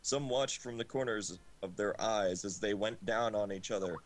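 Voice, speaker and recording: Speaking at a normal pace in a fairly low voice, a man gives an informal, amateur reading of a story during a group game livestream. He interrupts himself with laughs and asides in the voice chat.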